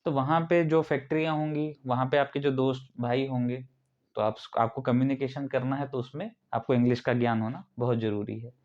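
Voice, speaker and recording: A man's voice: mid-range voice, steady tone, fairly quick, darkish tone, lo-fi sound. A male instructor from India giving a classroom lecture, explaining step by step and asking the class questions. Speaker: ITI instructor.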